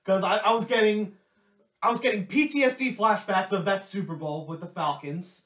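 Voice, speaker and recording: A man's voice: sits high, moderate pace, a bit bright. A man co-hosting a casual sports podcast, conversational and opinionated. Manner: conversational, opinionated, hot takes. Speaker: podcast co-host. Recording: echoey room, distant from mic.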